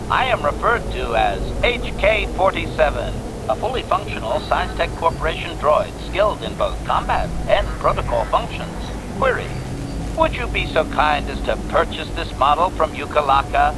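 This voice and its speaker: A menacing combat droid speaks in a metallic robot-filtered voice, formal and stiff, opening each reply with a one-word label. His pitch swings widely for a machine, and it plays as video game dialogue. A steady background noise sits clearly under him. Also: normal speed. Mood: coldly polite.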